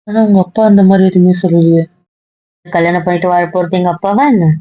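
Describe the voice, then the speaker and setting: A woman's voice: fairly low pitch, steady tone, quick pace, no echo, muffled recording. A woman acting in an amateur web series, speaking firmly and cuttingly.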